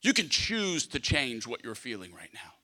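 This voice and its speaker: Male preacher, bright forceful voice, emphatic, conversational storytelling, long hall reverb. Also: medium pitch, wildly swooping pitch, normal speed. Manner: emphatic, with repeated phrases for the congregation to echo; conversational, acting out small dialogues. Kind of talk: sermon with humorous personal stories. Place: large hall, preaching to a congregation.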